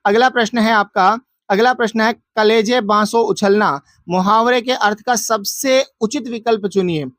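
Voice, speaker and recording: A man's voice: sits high, normal speed, fairly bright tone, dry recording. A man teacher going through exam answers, asking questions and answering them himself in a drilling, repetitive way. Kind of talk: exam answer walkthrough lesson.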